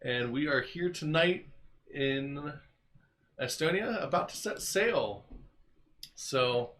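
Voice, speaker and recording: Bright-voiced man running a tabletop game. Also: on the high side, takes it slowly. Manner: relaxed, explanatory, with fillers. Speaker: dungeon master. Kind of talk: casual stream introduction.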